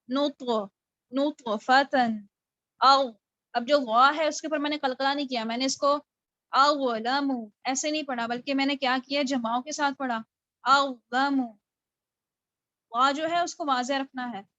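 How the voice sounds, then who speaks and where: High-voiced woman teaching recitation online. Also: fairly even intonation, fairly bright tone, no echo. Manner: explains patiently, then slowly drawn-out recited words. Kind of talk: online tajweed lesson. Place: home, online video call. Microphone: video call. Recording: dull, dry call recording.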